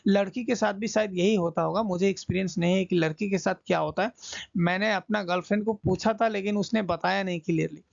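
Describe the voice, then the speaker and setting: A man teaching English in Hindi, chatty and slowly repeating phrases for learners. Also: sits high, steady tone, creaky, dry recording. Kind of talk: Hindi English lesson, explaining a story line by line. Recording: dull lo-fi audio.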